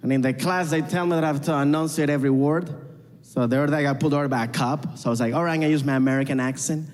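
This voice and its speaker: A man's voice: on the high side, steady tone, rapid-fire, darkish tone, big-room sound. A man from Venezuela with a Venezuelan Spanish accent, doing a chatty, self-mocking stand-up set and talking with the crowd. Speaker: stand-up comedian. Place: comedy club stage.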